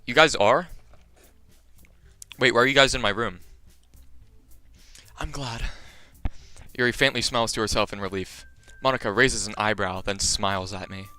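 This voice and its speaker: A man's voice: mid-range voice, normal speed, long pauses, soft background music. A young man reading a visual novel aloud on a live stream, joking with his chat between lines. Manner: animated, jokey, chatting to viewers between lines.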